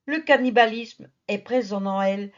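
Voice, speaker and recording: A woman's voice: on the high side, moderate pace, lo-fi sound. A woman narrating a nature documentary in a familiar, teasing storytelling manner. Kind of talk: nature documentary narration, playful asides to the viewer.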